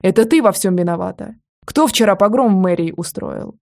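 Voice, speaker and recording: A woman voicing a brash young man who speaks loudly and indignantly. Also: medium pitch, fairly quick, gravelly, close to an everyday voice. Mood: accusing. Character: brash loud young man, boutique owner.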